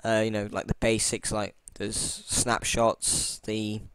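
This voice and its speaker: Speaking slowly in a fairly low, level, slightly bright voice that's clear and resonant, a man casually talks through a computer tutorial while recording his screen. He rambles with many fillers and restarts and self-deprecatingly apologizes for his boring voice, with no room sound.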